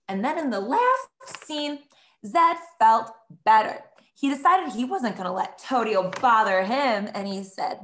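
A woman teacher telling a comic story and giving instructions in a playful, animated way. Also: on the high side. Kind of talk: classroom video lesson. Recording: echoey room.

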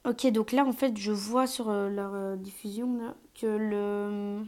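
A woman's voice: mid-range voice, steady tone, slow pace, mellow. A woman streaming live gameplay commentary through an earphone mic, hesitant with many fillers and sometimes dropping to a whisper.

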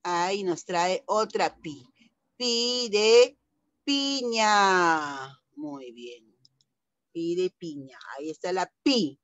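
A woman's voice: on the low side, expressive, extremely slow, fairly bright tone, dry recording. A middle-aged woman, teaching young children to read and patiently sounding out syllables. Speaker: primary school teacher. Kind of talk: online reading lesson for young children.

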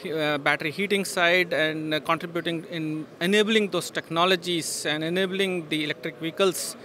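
Middle-aged guy at an expo booth, bright voice a bit high, lots of uhs, faint hall noise behind. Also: fairly even intonation, normal speed. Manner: hesitant, many fillers and restarts. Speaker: industry guest at a trade show. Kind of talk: trade show interview. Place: busy exhibition hall booth. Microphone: handheld interviewer mic.

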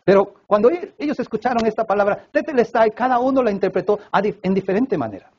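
Husky-voiced preacher man, high pitched. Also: animated, fast, dull audio. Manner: emphatic preaching, swinging from loud cries to hushed low stretches. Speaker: pastor. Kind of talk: sermon. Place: church service.

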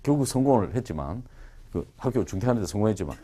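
Animated male English teacher lecturing. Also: fairly low pitch, fast. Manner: animated and joking, quizzes the class. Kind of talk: lively classroom lecture.

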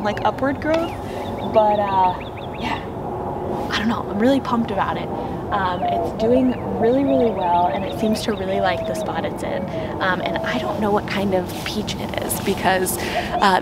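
Outdoors in a suburban backyard, a thirtysomething American woman who vlogs about gardening shows viewers around, chatting expressively and casually to the camera. She speaks at medium pitch over very heavy noise.

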